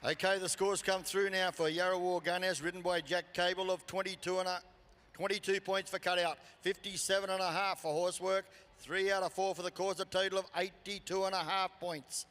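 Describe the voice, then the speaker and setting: Australian male arena sports announcer, higher-pitched voice, live commentary with long PA reverb. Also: level tone, fairly quick, fairly bright tone. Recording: PA echoing through large arena.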